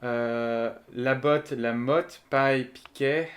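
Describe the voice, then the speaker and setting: A man's voice: mid-range voice, steady tone, slow. A man streaming live, chatting casually and joking as he thinks aloud and answers his chat.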